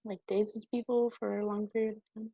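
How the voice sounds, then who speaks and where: A woman's voice: mid-range voice, flat delivery, fairly quick, warm tone, slightly rough. A woman playing a tabletop game, talking hesitantly with many ums and little laughs. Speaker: player. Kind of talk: casual game chat.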